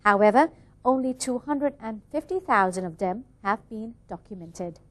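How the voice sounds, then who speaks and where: A woman's voice: on the high side, expressive, moderate pace. A woman reading scripted television news as an anchor.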